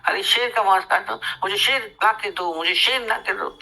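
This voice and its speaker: A woman voicing a crafty male jackal in a spoken fable, first hushing his mate in a low voice, then shouting boastful threats. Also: normal speed, gravelly, low-quality recording.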